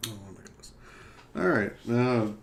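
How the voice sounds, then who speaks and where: A man hosting his channel, mumbling a quiet, casual wrap-up after a reaction video. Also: mid-range voice, animated, a little slow, creaky. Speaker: channel host. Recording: noisy home recording with keyboard clicks.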